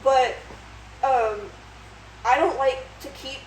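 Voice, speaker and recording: A woman's voice: high-pitched, takes it slowly. A young woman co-hosting a casual podcast chat, teasing her friend, laughing often and swearing casually. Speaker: podcast co-host. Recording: echoey room, distant mic, faint noise.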